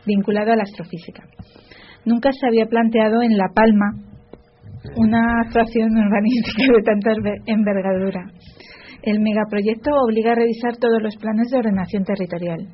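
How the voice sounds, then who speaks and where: Female newsreader, careful and measured, lo-fi radio sound. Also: fairly high pitch, fairly even intonation, a little hiss or hum. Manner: careful reading with small slips and restarts. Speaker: news reader on a radio show. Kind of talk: reading science news on radio. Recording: dull radio broadcast with faint music.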